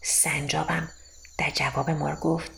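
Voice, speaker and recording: A woman telling a children's bedtime story in a gentle, even read-aloud manner. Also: low-pitched, creaky.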